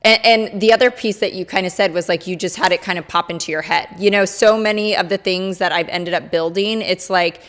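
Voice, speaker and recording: A woman's voice: medium pitch, fairly bright tone. Woman podcast host, effusive and chatty, mid-range voice. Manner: enthusiastic, effusive, quick to affirm. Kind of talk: casual interview chat.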